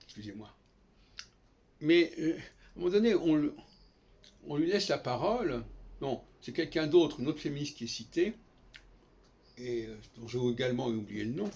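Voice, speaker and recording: A man giving an unscripted, lecturing monologue on language, halting and digressive with frequent restarts. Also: on the high side, expressive, vocal fry, darkish tone, breathy edge. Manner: lecturing, explanatory. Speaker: solo commentator on language.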